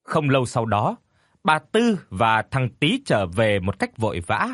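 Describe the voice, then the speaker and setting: A man tells a horror story with a lively, rising-and-falling delivery and a grave, dramatic edge. His voice is slightly husky, recorded close and dry with no room sound. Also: mid-range voice, measured pace, no echo.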